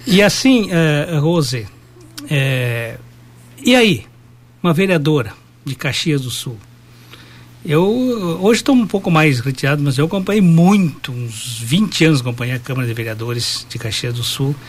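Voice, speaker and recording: A man's voice: on the high side, expressive, unhurried. Easygoing male interviewer. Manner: short encouraging backchannels, easygoing. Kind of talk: conversational interview.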